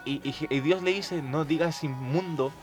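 A man's voice: a little high, moderate pace, soft background music. Man retelling Bible stories. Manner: conversational, retelling Bible passages with restarts. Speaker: podcast co-host.

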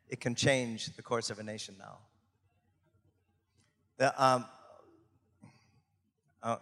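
Forceful, bright-voiced male preacher. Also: medium pitch, big-room sound. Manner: emphatic, repeats words for emphasis, laughs easily. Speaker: pastor. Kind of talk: sermon.

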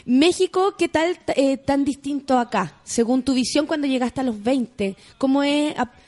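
Chilean woman host, slightly high voice, eager and rambling. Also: a little slow. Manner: warm, enthusiastic, rambling questions. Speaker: interviewer. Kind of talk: casual interview chat.

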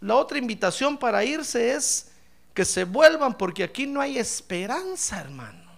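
A man's voice: very high-pitched, sing-song, moderate pace, gravelly, a bit bright. A man preaching a sermon in church, emphatic and ironic, often calling his listener brother. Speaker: pastor.

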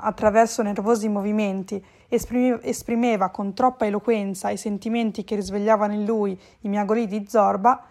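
A woman narrating a storybook chapter in a clear, even reading voice. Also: mid-range voice. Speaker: audiobook reader.

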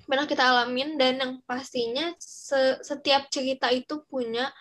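A teenage young woman with a soft, non-rolled R, chatting casually and informally as a podcast co-host. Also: sits high, steady tone, moderate pace. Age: teens. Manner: chatty, informal, slang with English mixed in.

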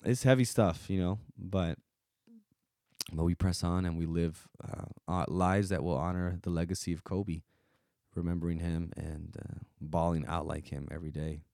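A man's voice: sits low, steady tone, moderate pace, gravelly, a little mellow, no room sound, studio quality. A man hosting a podcast, talking earnestly and emotionally about faith and loss in a casual chat. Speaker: podcast host.

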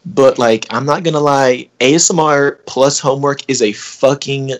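A man's voice: mid-range voice, fairly even intonation. A young man moderating a casual podcast chat over a phone call, crude and full of fillers. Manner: fast, filler-heavy, crude. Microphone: phone on a group call.

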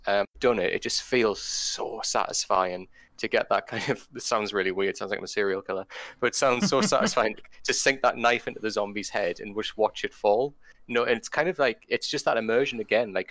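Guy gushing about games, lowish voice, dry close sound. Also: a bit bright, dry recording. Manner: enthusiastic, rambling with fillers. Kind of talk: casual chat about video games.

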